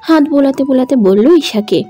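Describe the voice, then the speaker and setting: A woman's voice: high voice, animated, moderate pace, mellow, faint music behind. A woman narrating a romantic audio drama in an emotive, dramatic manner. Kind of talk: scripted story narration.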